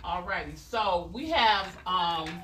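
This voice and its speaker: A woman's voice: lowish voice, lively intonation, slow pace, noisy background. A woman hosting a casual live clothing sale from a boutique, chatty and repeating item numbers and prices. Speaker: host selling clothes on a live stream.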